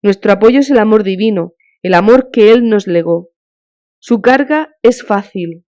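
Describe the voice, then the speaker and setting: A woman's voice: mid-range voice, measured pace, warm tone, close to an everyday voice. A woman reading an audiobook, voicing a devout countess who speaks in a fervent, consoling, emotional way, on a dull lo-fi recording.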